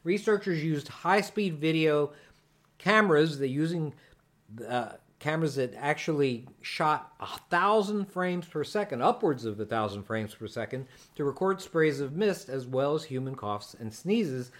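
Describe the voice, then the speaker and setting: A man's voice: on the high side, animated, measured pace. Man explaining on a medical podcast. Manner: explanatory, joking, with frequent fillers. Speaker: podcast host answering listener questions. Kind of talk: casual podcast chat and explanation.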